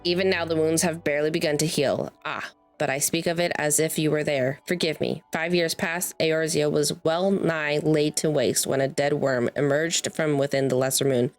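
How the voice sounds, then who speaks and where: Woman playing fantasy game guildmaster: motherly, measured, formal, low register, faint music underneath. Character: motherly guildmaster welcoming adventurers, grave and formal. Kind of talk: reading fantasy game dialogue aloud.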